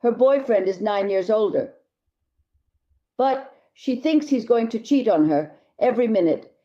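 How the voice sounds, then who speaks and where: A woman's voice: fairly high pitch, animated, a little slow, warm tone, muffled recording. A woman marriage therapist answering viewer questions, giving blunt, emphatic advice and speaking straight to the listener.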